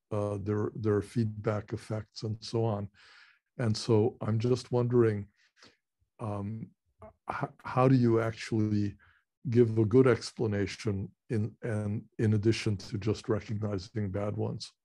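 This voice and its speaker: A man asking a seminar speaker a question over a video call, measured and hesitant, with many fillers. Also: fairly low pitch, little pitch movement, dark tone. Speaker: audience questioner.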